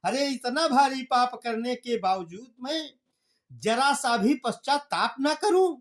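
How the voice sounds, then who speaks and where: A male teacher giving a poetry lesson, reciting verse lines slowly and then explaining them in plain words, calling his listeners brother. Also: extremely high pitch, lively intonation. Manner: addresses listeners familiarly as brother.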